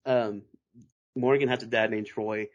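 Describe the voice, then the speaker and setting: A man's voice: on the low side, steady tone, a little slow, highs cut off. A man in his twenties from Texas, hosting a casual podcast chat and laughing often. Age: 20s. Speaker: podcast host.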